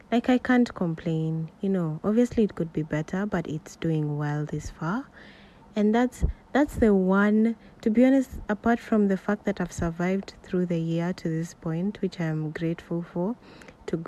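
A woman's voice: on the low side, dark tone. A woman in her twenties with a Kenyan accent, chatting candidly and unscripted as a solo podcast host. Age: 20s. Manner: candid, conversational, rambling. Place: at home next to a road. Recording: noisy home recording beside a road. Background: faint street noise, passing cars.

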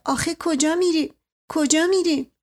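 A woman's voice: very high voice, fairly even intonation, pitched above the performer's own voice. A woman reading the part of a plain young woman in a storybook, who asks nervous, uneasy questions. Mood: frightened. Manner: anxious, questioning.

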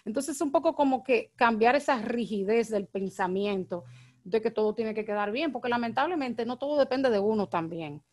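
A married woman, hosting a casual podcast chat and talking very fast and excitably. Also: on the high side. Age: adult, married. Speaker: podcast host.

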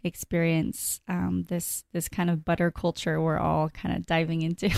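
A woman's voice: lowish voice, level tone, measured pace, vocal fry, no echo, clean studio sound. A woman hosting a podcast, chatting effusively and laughing often. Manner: warm, giggly, effusive. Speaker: podcast host. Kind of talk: casual interview chat.

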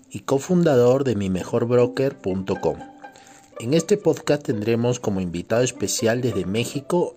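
A male podcast host reading a formal, measured introduction. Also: medium pitch, mellow.

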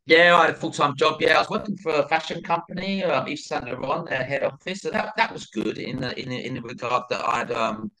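Bright-voiced middle-aged Essex man chatting. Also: on the high side, fairly quick, few pauses, rough recording. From Essex, England. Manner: rambling, repeats phrases. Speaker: interview guest, DJ. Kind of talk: casual interview chat.

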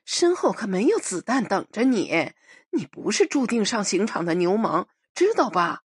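A bold, teasing young woman springs from this storybook reading, as a woman puts her on. Her brash lines bounce with a lively, swooping lilt over a husky edge, and the sound stays close and dry. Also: medium pitch, normal speed, no room sound.

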